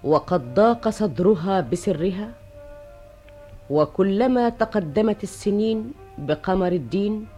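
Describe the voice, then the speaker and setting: A narrator reading a formal, rhymed folk tale in a measured storytelling style for a radio drama. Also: mid-range voice, darkish tone. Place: radio studio. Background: music.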